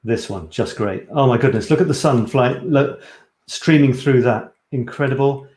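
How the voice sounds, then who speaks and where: Presenting a photography course over a live stream, a Scottish-born coach talks at a moderate pace with eager, chatty enthusiasm, wandering a bit and restarting sentences as he corrects himself. His mellow voice is of ordinary pitch, with clear echo from the room.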